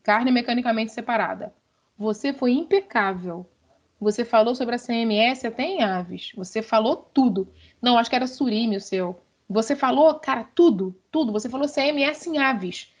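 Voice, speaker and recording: A Brazilian woman professor with a Brazilian Portuguese accent, giving students casual, emphatic advice in an online class. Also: on the high side. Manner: fast, emphatic, lots of slang fillers.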